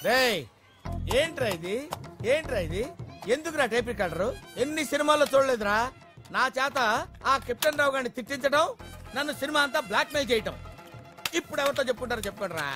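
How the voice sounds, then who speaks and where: An actor playing a short-tempered, boastful man in a film comedy, scolding loudly. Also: very high-pitched, lively intonation, fast, long pauses. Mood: boastful ranting. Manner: loud scolding, bossy and boastful. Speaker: comic film character. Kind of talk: Telugu film comedy scene. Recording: film soundtrack with loud music.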